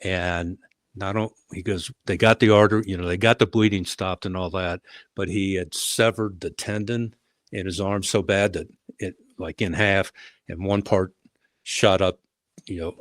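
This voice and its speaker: Older man, low voice, dry close podcast sound, rambling storyteller with uh fillers. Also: moderate pace, dry recording. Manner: animated storyteller with frequent uh fillers and restarts. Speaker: retired police leader, podcast guest. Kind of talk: conversational storytelling.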